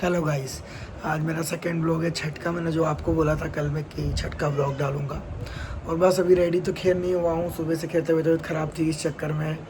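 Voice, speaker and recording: A man's voice: on the high side, flat delivery, a little fast. A young man, chatting casually to his vlog audience from his family home, repeating words in pairs as he talks. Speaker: vlogger. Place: family home on a rainy day. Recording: phone recording with loud background noise.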